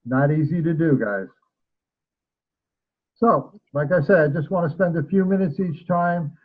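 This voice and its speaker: A man teaching an online class in a relaxed, chatty way, laughing now and then. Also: on the high side. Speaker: instructor. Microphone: video call. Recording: tinny call audio.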